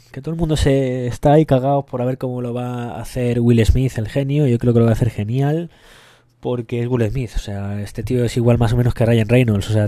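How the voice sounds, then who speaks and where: Young male podcast host, Spain Spanish accent, crude rambling rant, dark mellow tone, dry close mic. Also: mid-range voice, dry recording. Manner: crude, profane and joking; rambling, loses the thread. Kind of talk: casual solo podcast rant.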